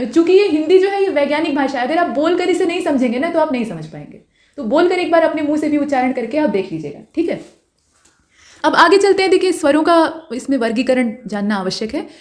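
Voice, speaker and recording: A woman with a high, light voice teaches an online exam-prep grammar class. She explains patiently and keeps checking that her students follow. She slows down to sound out each vowel and letter as an example. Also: darkish tone.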